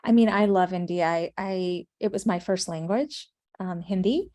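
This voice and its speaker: A woman with a lowish, mellow voice answers interview questions at a moderate pace. She's an American screenwriter and playwright, and she sounds earnest and reflective as she thoughtfully discusses her writing.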